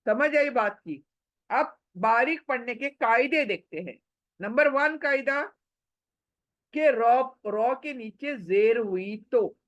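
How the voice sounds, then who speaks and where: Slow, patient woman teaching recitation. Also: a little high, animated, no room sound, muffled recording. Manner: slow and patient, drawing out example words, mixing in English phrases. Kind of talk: online lesson, explaining and demonstrating.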